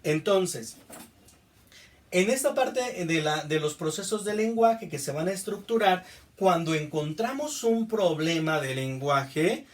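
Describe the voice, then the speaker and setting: A male teacher with a Mexican accent giving a classroom lecture, often checking understanding with a quick question. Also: on the high side, distant mic. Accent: Mexican Spanish. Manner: repeats "¿estamos?" to check understanding.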